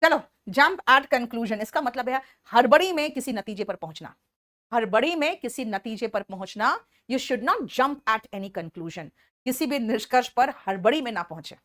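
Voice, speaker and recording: Woman English teacher, fairly high voice, Indian English, brisk and scolding with students. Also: expressive, fairly bright tone. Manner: scolding, teasing students, calls them beta; slow, deliberate reading of English example sentences. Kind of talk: online class lecture.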